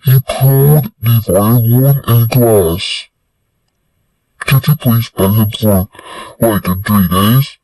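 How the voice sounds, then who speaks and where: A man's voice: mid-range voice, slow pace, a little mellow, recorded from a distance, poor audio. A man playing an orderly schoolteacher in an amateur cartoon, talking in a plain, instructive way. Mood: accusing. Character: adult schoolteacher, orderly, accusing when crossed.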